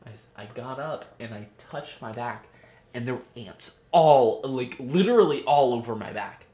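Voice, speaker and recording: Young dude cohosting, gets loud and goes all in acting out his stories, echoey room. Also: medium pitch, moderate pace, lo-fi sound. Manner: animated storyteller, acts out voices and jumps in loudly. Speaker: podcast co-host. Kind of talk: casual chat.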